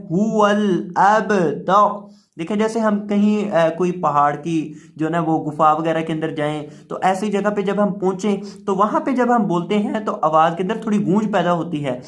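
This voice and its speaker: A man teaching Quran recitation rules. He explains patiently step by step, repeats his examples and slips into slow chanted recitation to demonstrate. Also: on the high side. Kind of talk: tajweed lesson.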